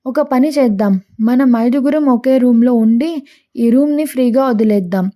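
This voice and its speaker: A woman's voice: on the high side, moderate pace, warm tone, lightly acted. A woman voicing a persuasive, practical young man in a read-aloud story.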